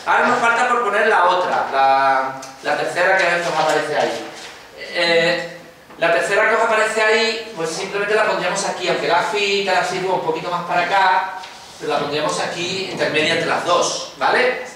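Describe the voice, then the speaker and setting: A man with an Andalusian Spanish accent lectures on phonology in a classroom, his voice high, sharp, and at an ordinary pace. He explains the material and keeps asking the students whether they're following. The room is echoey, with faint noise in the background.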